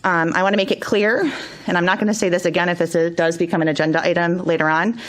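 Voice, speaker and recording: A woman school board member delivers a prepared statement at a public board meeting in a firm, deliberate manner. Her voice sits somewhat low. She speaks into a table microphone in the meeting room. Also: little pitch movement.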